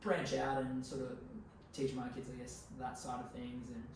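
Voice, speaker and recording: A young Australian man talks as a relaxed interview guest, using plenty of slang and swearing. His voice is picked up from a distance in a very echoey room, with clear background noise. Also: mid-range voice, normal speed. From Queensland, Australia. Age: 20s. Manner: laid-back, slangy, sweary. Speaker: podcast guest. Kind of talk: casual conversational interview.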